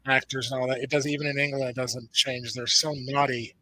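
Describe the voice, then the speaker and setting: A man's voice: medium pitch, a little fast, poor audio. A middle-aged man from the United States hosting a casual movie watch party chat, telling stories animatedly. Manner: animated storyteller, acts out quoted voices.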